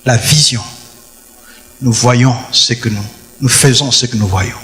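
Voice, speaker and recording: In a church hall with long reverb, a pastor delivers a sermon, emphasizing his points and repeating key phrases. His medium-pitched voice is unhurried and a bit bright.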